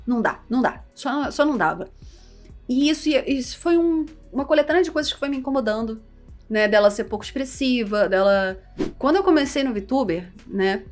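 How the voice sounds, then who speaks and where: A young woman from Rio de Janeiro, Brazil, speaks in a high, slightly quick voice with a Carioca Portuguese accent over soft background music. She's a VTuber and content creator, chatting animatedly in a casual vlog and poking fun at herself.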